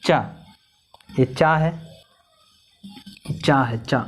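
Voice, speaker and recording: Slow, patient man sounding out syllables. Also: mid-range voice. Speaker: Hindi teacher. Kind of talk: teaching lesson on vowel signs.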